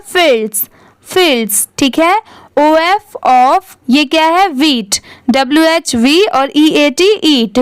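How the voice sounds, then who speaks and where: A woman's voice: sits high, no room sound. A young woman teaching English reading with a Hindi accent, spelling words letter by letter and asking and answering her own questions. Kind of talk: slow spelled-out reading lesson.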